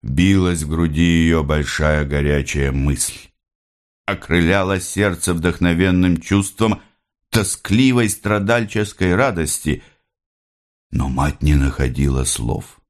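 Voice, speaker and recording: A man narrating a classic novel in a measured, expressive reading. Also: low-pitched. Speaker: audiobook narrator. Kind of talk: scripted literary narration.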